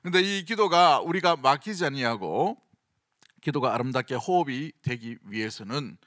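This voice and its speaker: Man, pastor, gyeongsang accent, middle-aged, animated pitch, dry close sound. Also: moderate pace, no echo. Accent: Gyeongsang Korean. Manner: conversational preaching with rhetorical questions to the congregation. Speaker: senior pastor. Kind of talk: sermon.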